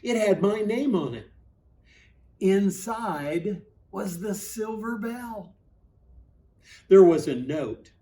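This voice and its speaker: Male storybook reader, pastor type, slightly high-pitched, slow and expressive, pausing for drama, reading to children. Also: a little hiss or hum. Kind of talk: storybook read-aloud for children.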